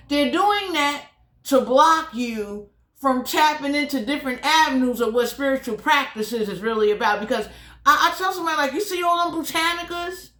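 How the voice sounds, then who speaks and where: Speaking colloquially around her whitening trays, this tarot reader runs a casual, no-nonsense reading on her channel. Her fairly bright voice sits high, and the room gives an echoey sound.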